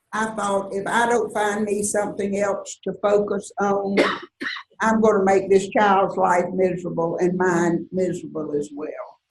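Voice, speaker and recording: Slow-talking older Southern woman. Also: mid-range voice. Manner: folksy storytelling, frequent laughs. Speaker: guest speaker. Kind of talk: anecdotal talk to an audience. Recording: roomy echo, distant mic, faint hiss.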